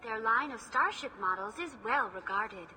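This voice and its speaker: A woman's voice: fairly high pitch, animated, moderate pace, sharp tone, slight background noise. A woman voicing a polite female AI information hologram who speaks in formal, scripted phrases. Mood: courteous.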